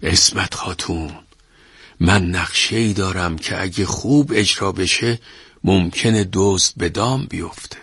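A man doing a hushed, scheming old merchant. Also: low voice, slightly rough, no echo, heavily acted. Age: older. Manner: hushed, conspiratorial.

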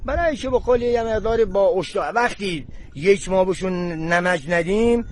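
High-voiced older village herder man. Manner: warm, courteous village speech. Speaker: livestock herder. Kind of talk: casual on-site interview.

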